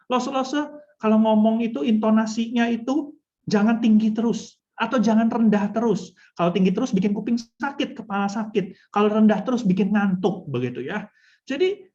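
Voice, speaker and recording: A woman's voice: a little high, a little mellow, lo-fi sound. A woman trainer teaching a storytelling workshop for children's ministry. She speaks instructively, addresses her listeners often and acts out short examples. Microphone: video call.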